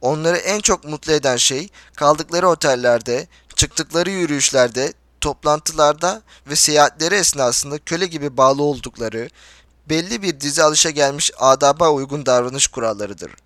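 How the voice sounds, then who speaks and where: A man narrating a literary audiobook in a measured, formal storytelling manner. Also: a little high, fairly bright tone, no echo.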